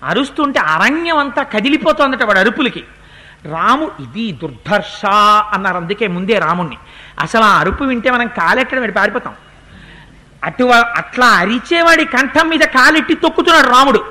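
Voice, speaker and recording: A man delivers a devotional discourse, narrating an old epic with lively, animated energy. His voice is very high and bright, and he slows right down to chant verses. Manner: animated retelling, chanting Sanskrit verses slowly. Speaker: religious discourse speaker.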